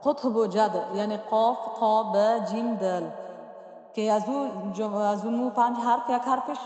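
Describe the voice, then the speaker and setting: A woman teaching Quran recitation, explaining each sound patiently and step by step and modeling it slowly. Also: medium pitch, mellow. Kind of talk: tajweed lesson explanation. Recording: roomy echo with long reverb.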